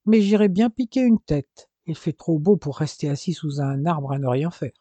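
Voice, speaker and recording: Brief: lively, playful old grandfather in a storybook, raised bright voice, read by a man. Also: on the high side, moderate pace, dry recording, dull audio. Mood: jovial. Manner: playful, mock-complaining. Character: jovial elderly grandfather who loves fishing.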